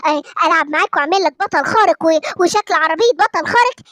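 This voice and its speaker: A woman with an Egyptian Arabic accent voicing a smooth-talking, scheming male superhero in a cartoon story, in a lower put-on voice. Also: expressive, very fast, noisy background. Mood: coaxing.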